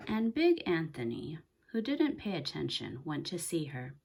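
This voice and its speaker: A woman reading a children's story aloud in an expressive, deliberate way, softening at the ends of phrases. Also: sits low, vocal fry, background noise. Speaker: story reader.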